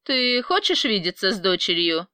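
A woman's voice: medium pitch, sing-song, moderate pace, sharp tone, clear, resonant tone, no echo, clean studio sound. A woman voicing a possessive, obsessive man who talks in an insistent, menacing way.

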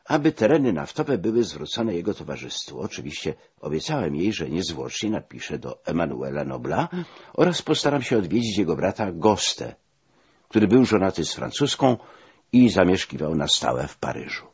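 A man reading a first-person memoir aloud, telling it in a measured, expressive way with rising emphasis. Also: low-pitched, slightly rough, highs cut off. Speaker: audiobook reader.

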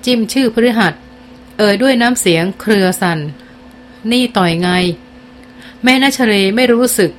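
A woman's voice: a little high, lively intonation, a little fast, slight background noise. Woman narrating a novel. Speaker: audiobook narrator.

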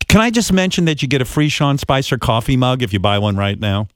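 A man's voice: big pitch swings, fast, no room sound, studio quality, close to an everyday voice. A man voicing a male political spokesman cheerfully plugging his book. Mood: chirpy. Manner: chirpy sales pitch.

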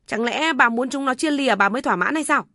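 A woman voicing a quiet, stern older father who commands with weight. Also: fairly high pitch, fairly even intonation, brisk, creaky, no room sound, studio quality. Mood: stern anger.

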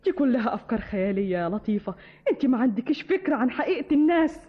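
A husky, soothing young sister. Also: female voice, a little high, animated, racing. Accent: Egyptian Arabic. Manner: soothing, cautioning. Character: gentle young sister, cautious comforter. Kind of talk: 1950s radio drama acting. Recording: dull old radio recording.

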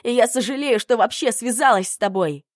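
A woman's voice: fairly high pitch, expressive, normal speed, no echo, clean studio sound, voice pushed up, close to an everyday voice. A woman playing a tearful, furious young woman. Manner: tearful, shouting.

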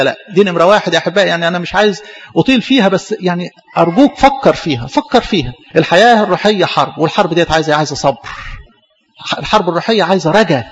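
An Egyptian priest delivers a sermon in a high voice at a fast clip. He keeps it animated, firing off rhetorical questions and acting out what his listeners might say. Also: in a large hall. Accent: Egyptian Arabic.

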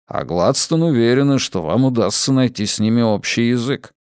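A man voicing a calm, stoic male archaeologist in an audiobook, with a measured, restrained delivery. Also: mid-range voice, clean tone, dry recording, studio quality, lightly acted. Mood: probing. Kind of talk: dramatised audiobook reading.

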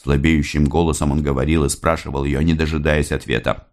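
Deep-voiced man narrating an audiobook. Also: little pitch movement. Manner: measured dramatic storytelling.

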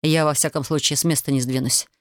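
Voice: mid-range voice, fairly even intonation, fast, no echo, studio quality, close to an everyday voice. A narrator voicing a wounded young male soldier who speaks tersely and with exasperation, in an audiobook reading.

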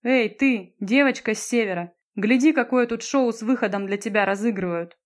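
Mocking jealous schoolgirl, woman reading her lines, sharp and cutting. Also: fairly high pitch, moderate pace, close to an everyday voice. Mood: scornful. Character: sharp-tongued teenage schoolgirl, jealous and fiery.

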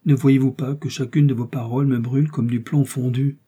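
In this audiobook, a tormented young officer pushes urgently for the story to go on, as the male reader voices him. His tone is dark and husky. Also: mid-range voice, steady tone, a little fast, lightly acted. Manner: urgent, impatient. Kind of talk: audiobook reading.

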